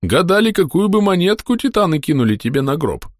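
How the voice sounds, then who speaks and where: Guy voicing a strict corporal, higher voice, lots of up and down, audiobook. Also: very animated, fairly quick, no echo, clean studio sound. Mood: stern. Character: stern male corporal, squad leader. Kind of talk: audiobook character voice.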